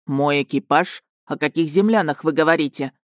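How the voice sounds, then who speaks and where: Stern male space captain, slow and commanding, low dry voice, voiced by a woman. Audiobook. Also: dry recording, close to an everyday voice. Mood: puzzled. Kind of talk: audiobook character reading.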